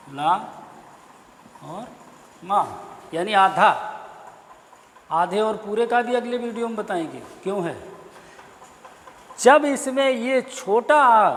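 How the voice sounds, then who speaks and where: A male Hindi teacher giving a slow, deliberate grammar lesson, spelling sounds out one at a time. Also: high voice, fairly bright tone, big-room sound, slight background noise. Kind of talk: classroom-style explanatory lesson.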